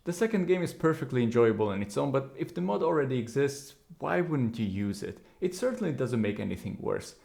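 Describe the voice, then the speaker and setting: Gravelly-voiced male game reviewer. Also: medium pitch, very animated, fairly quick, few pauses, a little mellow. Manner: opinionated, wry asides. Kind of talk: scripted video review narration.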